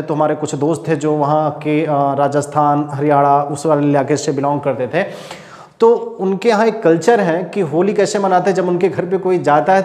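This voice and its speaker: A man's voice: fairly high pitch, darkish tone. A man teaching spoken English in Hindi, with an Indian English accent when he models phrases, explaining patiently and checking in with his listeners. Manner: explains with many fillers and check-ins; slows down to model English words. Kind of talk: explanatory online lesson. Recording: echoey room with long reverb.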